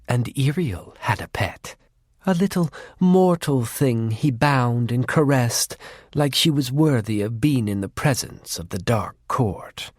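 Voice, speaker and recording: Taunting bloodthirsty faery woman, done by a man, low menacing murmur, slow, dead dry sound. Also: lively intonation, a little mellow, no echo. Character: cruel war-loving female faery, sister.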